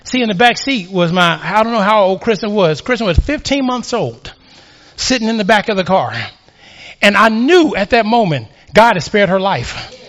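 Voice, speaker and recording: A male pastor delivering a sermon and telling of his own experience. His voice sits high and sounds bright and forceful. He preaches with fervor that keeps building in volume. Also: lively intonation, normal speed. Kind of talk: sermon with personal testimony.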